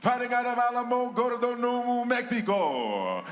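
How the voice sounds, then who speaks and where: A man's voice: very high voice, big pitch swings, soft background music. Echoey showman boxing-style ring announcer man. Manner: formal showman delivery, drawn-out shouted fighter names. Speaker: cage-side ring announcer. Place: large indoor arena over PA. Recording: echoey hall, long reverb.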